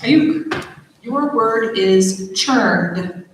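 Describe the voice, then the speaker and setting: A woman acting as a spelling bee pronouncer, reading out each word and its definition in a measured, formal way. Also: fairly high pitch, lively intonation, background noise. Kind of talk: reading words and definitions aloud. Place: large echoey hall or auditorium. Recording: echoey hall recorded from far off.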